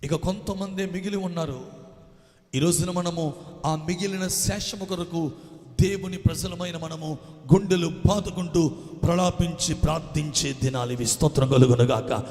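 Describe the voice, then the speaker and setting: A man preaching a sermon as pastor, swinging from hushed passages to shouted climaxes and firing rhetorical questions at the congregation. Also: fairly high pitch, moderate pace. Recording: long hall reverb.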